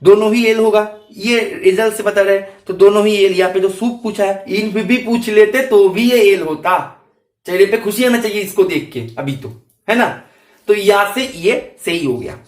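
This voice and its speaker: Male math tutor, patient step-by-step explainer; roomy recording. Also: sits high. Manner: explains step by step, checks in often with students. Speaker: math teacher. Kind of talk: exam-prep math lecture.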